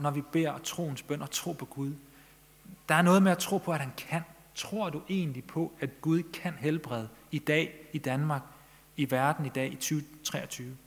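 A man preaching a sermon in Danish-language church style, earnest, pressing his listeners with questions. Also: fairly high pitch. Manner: earnest, rising emphasis on questions. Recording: long echo of a large hall.

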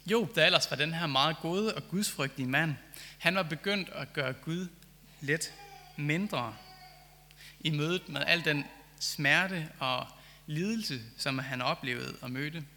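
A man preaches a sermon with earnest conviction, leaning into key phrases as he builds his point. His voice is fairly high and notably bright and forward. It rings out with a long hall reverb, as if spoken in a church. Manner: earnest, reads scripture then reflects with rising emphasis.

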